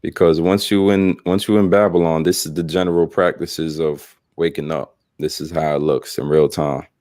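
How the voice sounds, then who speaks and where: Deep-voiced man hosting a podcast. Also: level tone, moderate pace, a little mellow, no echo, clean studio sound. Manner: laid-back, many fillers. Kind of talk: casual religious discussion.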